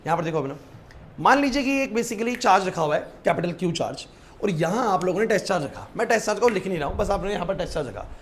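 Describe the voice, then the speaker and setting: A man with a fairly high voice teaches physics to a room of students. He keeps asking whether they follow and mixes English terms into his talk. A faint hum of classroom noise sits behind him. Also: expressive, fast talker. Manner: asks students to confirm understanding. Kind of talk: classroom lecture. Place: classroom with whiteboard.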